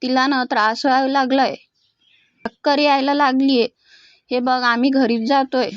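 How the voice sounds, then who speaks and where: A woman's voice: high voice, steady tone, normal speed, no room sound, dull audio, close to an everyday voice. A woman voicing a worried older mother who urges her son to hurry home.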